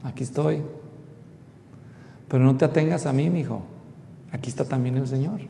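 A man's voice: moderate pace, vocal fry, dark tone. A middle-aged man preaching an expository sermon, telling family stories and speaking straight to the congregation. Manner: storytelling, addresses the congregation directly. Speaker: pastor. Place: church hall. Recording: echoey hall with faint rumble.

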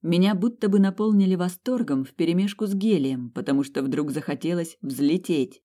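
Brief: expressive storyteller, first-person fantasy audiobook narration. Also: mid-range voice, normal speed.

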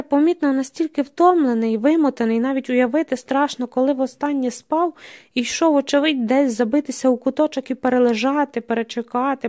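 Woman, audiobook narrator, fairly high voice, measured tense reading. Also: a little mellow. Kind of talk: scripted literary narration.

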